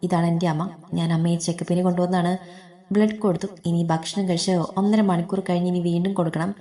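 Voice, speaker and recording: A kind, teasing grown son who is also a boss, speaking easily in a spoken story, voiced by a woman narrator. The voice is mellow and low. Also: fairly even intonation, fast, lightly acted. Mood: friendly. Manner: warm, playful.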